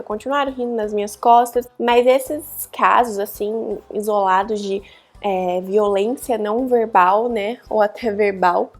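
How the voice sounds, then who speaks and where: A young Brazilian woman vlogs a personal story to the camera in a slightly high voice. She's earnest and emotional, pausing and restarting as she speaks.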